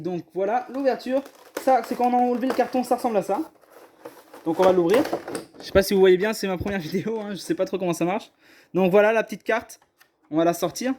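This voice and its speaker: A man's voice: sits high, a little mellow, a little hiss or hum. A man chatting casually as he opens trading card boxes on camera. He hesitates often and keeps apologizing. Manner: apologetic, hesitant, self-deprecating. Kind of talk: casual unboxing chat.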